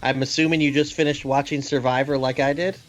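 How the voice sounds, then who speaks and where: A man's voice: mid-range voice, level tone, fast, soft background music. A man co-hosting a podcast in casual chat, with a wry, bantering way of talking. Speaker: podcast co-host.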